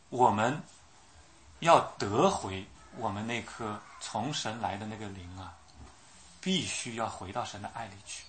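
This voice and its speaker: A man's voice: mid-range voice, fairly bright tone, slight background noise. A man preaching a sermon. He keeps asking his listeners questions and acts out the voices of the people he quotes. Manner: asks the audience questions, repeats himself.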